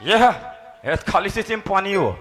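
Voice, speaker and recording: A mocking, exasperated householder. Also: male voice, sits high, expressive, moderate pace, a bit bright. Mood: scolding. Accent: Chhattisgarhi. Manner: mockingly parrots the priest, laughs while scolding. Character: exasperated village householder, adult man, mocking. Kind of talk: comic sketch acting.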